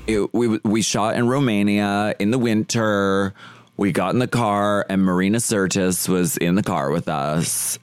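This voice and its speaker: A man's voice: lowish voice, measured pace, smooth, dry recording. A man being interviewed as a drag performer, chatting casually and rambling with lots of "like" fillers.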